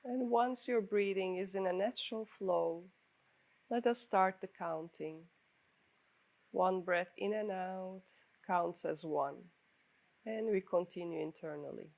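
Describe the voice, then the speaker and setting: A woman meditation instructor guiding a breath-counting meditation in a measured, unhurried way with pauses. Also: mid-range voice, darkish tone, poor audio.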